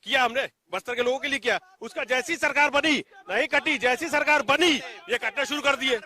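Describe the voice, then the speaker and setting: Man on a news debate, highish bright voice, rattles off heated bursts. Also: fairly quick. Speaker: debate panelist, opposition side.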